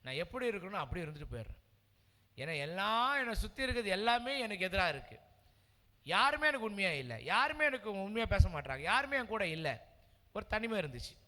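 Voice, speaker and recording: A man's voice: sits high, big pitch swings, fairly quick, sharp tone, in a large hall. A man preaching a heartfelt sermon, repeating words with emotional, earnest delivery. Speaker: pastor. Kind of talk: sermon testimony.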